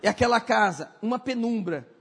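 A male pastor preaching and telling animated stories, acting out other people's voices and shouting at the climaxes. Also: very high-pitched, brisk, husky. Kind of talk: sermon with storytelling. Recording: hall reverb.

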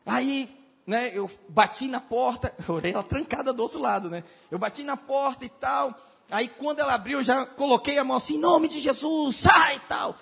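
A male pastor preaching and telling animated stories, acting out other people's voices and shouting at the climaxes. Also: very high voice, normal speed, creaky, husky. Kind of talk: sermon with storytelling. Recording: hall reverb.

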